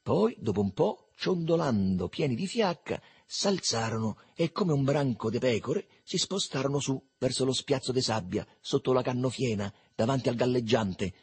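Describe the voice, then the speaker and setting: Husky man reading a novel aloud. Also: mid-range voice, moderate pace, few pauses. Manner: expressive, animated. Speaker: narrator.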